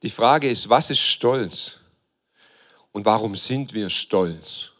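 A pastor preaching a sermon, asking rhetorical questions, speaking directly and informally to his congregation and moving between quiet and emphatic delivery. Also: fairly low pitch, slow pace.

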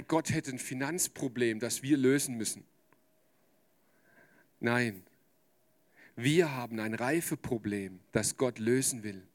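Man, pastor, emphatic sermon, talks straight to the congregation, middle pitch. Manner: direct and emphatic, addresses listeners as du; acts out quoted listeners in short asides.

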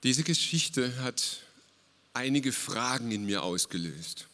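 A man gives a casual, animated sermon, his pitch leaping up and down as he retells the story. His voice is bright and a little high, with a long reverb of a large hall behind it. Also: slow. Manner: animated, casual, sprinkles English words. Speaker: preacher. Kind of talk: lively youth sermon retelling a Bible story.

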